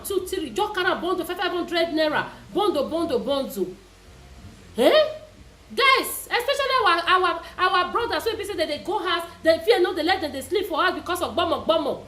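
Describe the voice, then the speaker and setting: Woman, Nigerian Pidgin accent, vlogger, preachy scolding, high voice, echoey room. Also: sharp tone. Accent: Nigerian Pidgin English. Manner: scolding, preachy, then affectionate. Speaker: vlogger commenting on a viral video. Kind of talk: casual commentary to subscribers.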